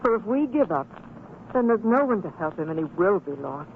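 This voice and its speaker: Speaking a little fast in a medium-pitched, sing-song voice, a woman acts the part of a devout, hopeful and firm wife and mother in a religious radio drama of the old-time kind. Her formal, earnest exhortation sounds resolute and consoling, heard through a noisy, tinny, band-limited old radio recording.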